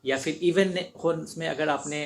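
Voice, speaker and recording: A man's voice: on the high side, fairly even intonation, normal speed, a little hiss or hum. A man teaching beginners harmonica, explaining patiently and repeating each step as he demonstrates. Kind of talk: instructional demonstration.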